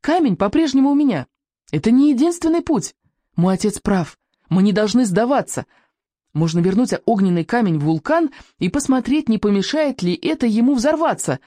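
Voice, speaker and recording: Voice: medium pitch, animated, brisk, warm tone, no echo, studio quality, natural voice. Brief: reader as young boy hero, worried, urgent, sincere. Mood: pleading. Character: anxious, earnest young Viking boy hero.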